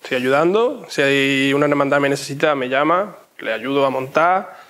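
A man's voice: mid-range voice, moderate pace, a bit bright. A young man answering interview questions inside a church in short, often repeated phrases. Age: young adult. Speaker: interview guest.

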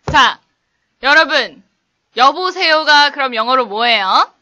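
A woman's voice: expressive, very slow, sharp tone. A young woman teaching English on a casual live stream, reading viewer chat and playfully acting out skits with laughter. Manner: playful, laughing, acts out little skits in exaggerated high voices.

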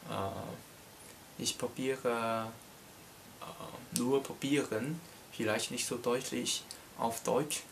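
A young adult man from Hong Kong, a native Cantonese speaker, gives a casual language lesson from a small bedroom, speaking slowly and haltingly with many hesitations. His mid-range voice is steady and creaky, with a slight hiss or hum. He talks into a camera set in front of him at desk distance.

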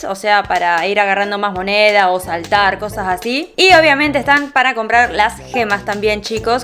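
Excitable high-voiced woman gamer. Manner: excitable, chatty, addresses viewers directly, hums along with game sounds. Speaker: gaming channel host. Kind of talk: casual gameplay commentary. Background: faint game music.

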